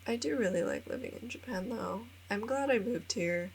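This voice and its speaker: An American woman in her twenties, a vlogger who teaches English in Japan, does a casual vlog voice-over with a medium-pitched voice, lively intonation and normal speed. Chatty and upbeat, she rambles a little, says "like" a lot and laughs at herself in a self-deprecating way. There's a slight hiss or hum.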